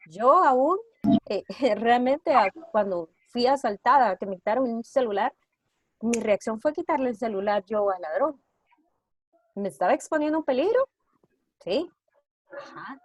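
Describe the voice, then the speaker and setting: Woman facilitator, slow deliberate delivery, slightly high voice, dry close sound, string of rhetorical questions. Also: no room sound. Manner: asks rapid rhetorical questions to the audience. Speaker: trauma-informed care workshop facilitator. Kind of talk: online workshop lesson. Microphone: video call.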